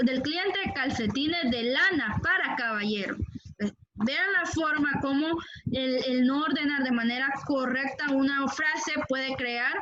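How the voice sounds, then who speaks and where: High-voiced woman teaching grammar, lo-fi. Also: a bit bright, slight background noise. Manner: patient, repeats words and asks "¿verdad?" often. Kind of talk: online Spanish grammar lesson. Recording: dull lo-fi recording.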